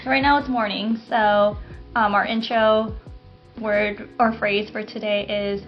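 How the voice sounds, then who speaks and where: A woman co-hosting a casual podcast, talking in a relaxed, chatty way with many fillers. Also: medium pitch, measured pace, lo-fi sound, faint music behind. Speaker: podcast co-host, garden operations manager. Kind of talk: casual chat.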